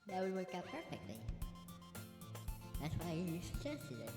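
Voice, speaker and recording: A man's voice: high-pitched, wildly swooping pitch, normal speed, pitched above the performer's own voice, heavily acted. A man reading visual novel dialogue and narration aloud, with his voice run through a female voice changer filter. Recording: roomy echo with game music behind.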